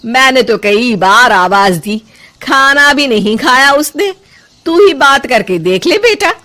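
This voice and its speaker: Cartoon mother-in-law, motherly and loud, lively pitch, voiced by a woman. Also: slow, full character voice. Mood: worried, proud. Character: kindly older mother-in-law, warm and proud.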